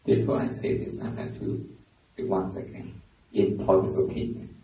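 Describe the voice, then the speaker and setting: A man with a Burmese accent, a Buddhist monk giving a dharma talk, pausing and restarting often as he searches for words. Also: sits low, little pitch movement, slight background noise. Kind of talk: dharma talk to a lay audience. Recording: very echoey hall, distant mic, dull lo-fi sound.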